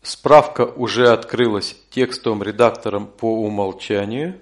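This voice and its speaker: A man with a fairly low voice works as an audio course instructor, narrating scripted step-by-step instructions in a measured, neutral manner.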